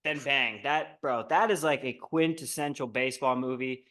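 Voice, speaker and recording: A man's voice: mid-range voice, normal speed, pushed and bright. Casting: young male podcast co-host, keen sports-fan chatter, mid-range voice. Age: young adult. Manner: enthusiastic sports fan talk. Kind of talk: casual chat.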